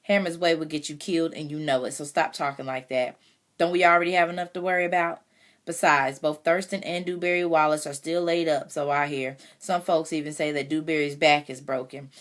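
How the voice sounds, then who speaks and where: A woman reading aloud voices a calm, careful farm mother who speaks softly and reasons things through. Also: low-pitched, brisk. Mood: cautioning. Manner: soft-spoken, reasoning.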